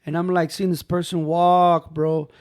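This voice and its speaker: A man on a podcast telling a personal story in a casual, animated way, acting out the voices of people in it and dropping in "bro" and "man" often. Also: fairly high pitch, a little slow.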